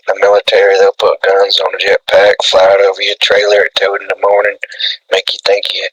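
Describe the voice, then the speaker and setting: A man playing a paranoid redneck radio host with a folksy drawl, deadpan and repetitive, in a husky voice. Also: sits low, brisk, rough recording. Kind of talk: improvised comedy radio role-play.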